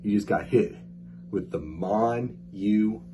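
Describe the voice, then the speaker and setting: A man's voice: lowish voice, a little slow, dull audio. A man delivering a boastful wrestling promo, building it up step by step as a wrestler. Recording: clear background noise.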